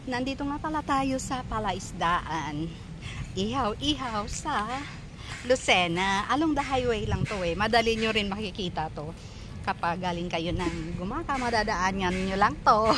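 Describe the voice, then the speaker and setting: A woman's voice: medium pitch, noisy background. A middle-aged woman with a Filipino accent chatting casually to her phone camera as a vlogger, laughing easily and mixing in English. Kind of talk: casual travel vlog chat. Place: outdoor garden restaurant, then inside a car. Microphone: phone held at arm's length.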